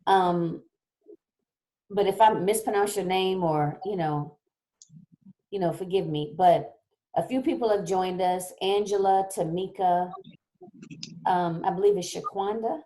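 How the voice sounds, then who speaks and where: A woman's voice: lowish voice, a little slow, pauses often, mellow. A woman hosting an online talk show on her laptop, losing her voice, chatting casually and repeating herself as she reads names. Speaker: host. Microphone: laptop on a video call.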